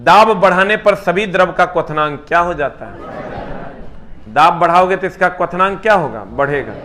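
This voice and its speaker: A man's voice: high voice, animated, moderate pace, fairly bright tone, slight background noise. A man teaching a live online class, chatty and teasing, firing rhetorical questions at students.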